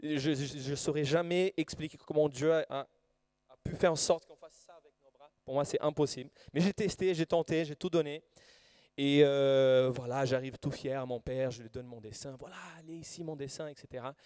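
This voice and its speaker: A man from Brazil with a Brazilian Portuguese accent preaching a sermon. He reads scripture and tells personal stories in an animated, self-deprecating way, with many fillers and restarts. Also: mid-range voice, moderate pace, smooth, no echo. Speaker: guest preacher. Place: church service before a live congregation.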